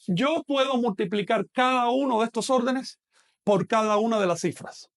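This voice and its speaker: A man's voice: very high voice, normal speed. A man teaching a math class online, explaining patiently and quizzing a student as he goes.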